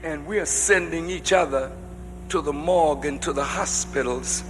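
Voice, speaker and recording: A male preacher delivering a sermon to a congregation in a large hall, speaking emphatically with drawn-out phrases that rise to shouts. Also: fairly high pitch, background noise. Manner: addresses the congregation directly. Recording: long reverb of a large hall.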